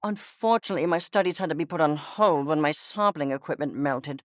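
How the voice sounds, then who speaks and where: A woman with a low, natural voice speaks briskly in character as an eccentric, haughty furry scientist from a video game. Intense and fascinated, she is wordy, theatrical and condescending, articulating every word precisely. The recording is clean studio sound with no room sound.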